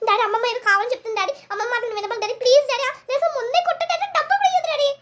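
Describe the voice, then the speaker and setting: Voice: pushed and bright, a little hiss or hum. A voice actor playing a whining young grandson who keeps pleading his innocence to his father. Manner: whining denials, rapid and high. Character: young adult male grandson, whiny and pleading.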